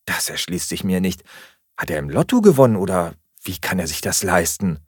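A man voicing a skeptical, sharp-tongued woman flatmate who questions everything in a dry, doubting manner. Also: low voice, a little fast, slightly rough, no room sound, full character voice.

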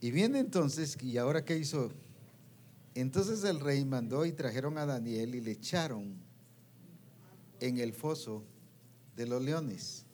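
Male preacher, mellow tone, sermon, reads scripture aloud, asks the audience questions. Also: medium pitch, animated, unhurried, pauses often, slight background noise. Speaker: preacher at a women's discipleship meeting. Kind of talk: sermon with Bible reading.

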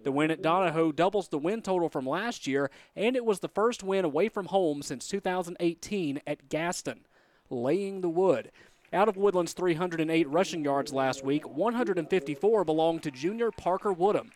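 A man's voice: on the high side, darkish tone, no echo. A man hosting a pregame sports broadcast with emphatic delivery. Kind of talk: pregame commentary with read headlines.

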